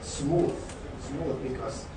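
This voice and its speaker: A man's voice: mid-range voice, drawn-out words. A man with a Filipino accent telling his own success story, stammering and repeating words often. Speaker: speaker at a company event. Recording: echoey hall from far off, noisy.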